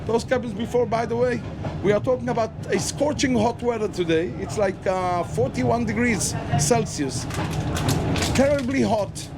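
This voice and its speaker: A man's voice: normal speed, over loud music. A man doing casual on-the-go travel commentary, talking to viewers in short, repeated phrases. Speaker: travel vlogger. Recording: loud train noise behind. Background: train rumble and ambience.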